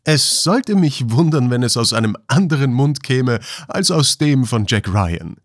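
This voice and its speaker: A man's voice: medium pitch, animated, a little slow, no room sound, studio quality, pitched above the performer's own voice. A man voicing an earnest young male miner who speaks plainly, in a storybook reading.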